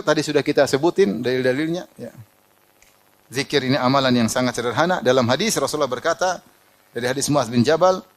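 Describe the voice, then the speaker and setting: A middle-aged man preaching a sermon, telling personal anecdotes, quoting Arabic and laughing often. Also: a little high. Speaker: Islamic preacher.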